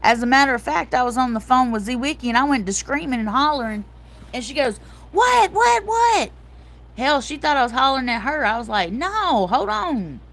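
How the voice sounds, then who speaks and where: Middle-aged female host, casual livestream chat, lively storyteller. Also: a little high, fast talker. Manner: animated storytelling, addresses viewers as y'all.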